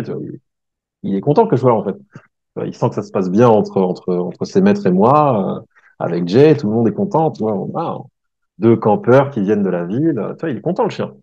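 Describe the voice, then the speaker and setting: Casting note: male travel vlogger, low and dark, rambling storyteller, dull lo-fi recording. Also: gravelly, husky. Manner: chatty, many fillers and restarts, addresses listener as "tu vois". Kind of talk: casual storytelling to the viewer. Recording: dull lo-fi sound.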